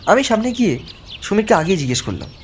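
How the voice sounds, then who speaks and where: A man speaks fast in a high voice with big pitch swings, a little hiss or hum audible along with music. He portrays a frightened young man telling, in dramatic first person, the suspenseful tale of his haunted-house visit.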